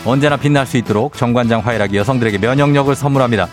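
A man's voice: medium pitch, very fast, soft background music. A man hosting a radio call-in quiz segment, bantering playfully with a caller and reading out questions.

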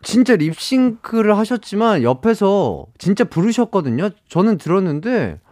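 A man's voice: high voice, very animated, normal speed, darkish tone, no echo, studio quality. A young man hosting a radio show, chatting casually, laughing often and chiming in eagerly.

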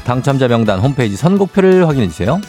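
A man's voice: medium pitch, very animated, racing. A man hosting a morning radio show, reading out quizzes and giveaways in an upbeat, punchy announcer's delivery. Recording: music bed behind the voice. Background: music.

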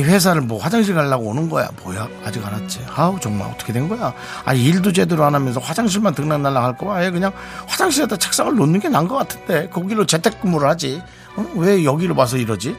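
A man playing a gossipy male office junior in a comic radio skit, flattering to a coworker's face and grumbling behind her back. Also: a little high, quick pace, creaky, soft background music.

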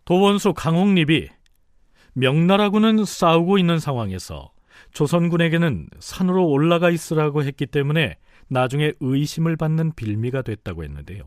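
A man's voice: a little high, very animated, normal speed, dry recording, studio quality. A man hosting a history programme, delivering scripted narration. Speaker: host.

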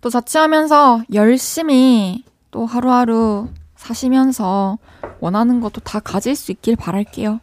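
A woman hosting a casual radio talk show, reacting brightly and reading listener stories. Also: on the high side, a little slow. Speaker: radio host.

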